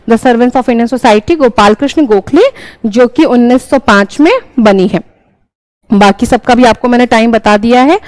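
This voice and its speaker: Young woman going thru exam questions one by one, bit high voice, dry close sound. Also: darkish tone, dry recording, low-quality recording. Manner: explains step by step, repeats answers, checks in with "ठीक है". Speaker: teacher. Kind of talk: exam-prep lesson, solving questions.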